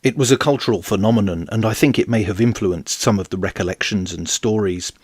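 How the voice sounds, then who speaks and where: A man in his forties giving measured, wry, scripted documentary narration as a history channel host. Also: on the low side, darkish tone, breathy edge, no echo, studio quality.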